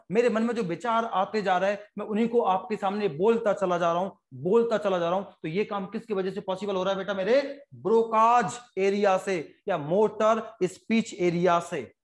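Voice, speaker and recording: High-voiced, joking Indian biology teacher. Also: male voice. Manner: joking, animated, fast-talking lecturer who puts on quick voices for stories. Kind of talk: classroom lecture.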